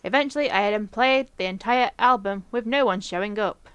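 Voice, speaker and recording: A woman's voice: medium pitch, fairly quick, fairly bright tone, clear, resonant tone, dry recording, muffled recording. A young woman hosting a let's play, reading a visual novel aloud in a playful, chatty way with frequent giggles. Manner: playful, giggly, chatty asides between narration.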